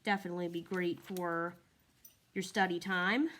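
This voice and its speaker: A woman's voice: lowish voice, fairly even intonation, moderate pace, fairly bright tone. A woman in a casual, chatty product review, walking through pages as she talks. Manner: friendly, chatty, walks through pages while talking. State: slightly out of breath. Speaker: Bible reviewer.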